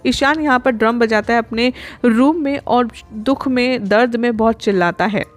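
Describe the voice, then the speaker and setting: Higher-voiced woman narrating serial recaps. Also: faint music behind. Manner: brisk, even storytelling with English words mixed in.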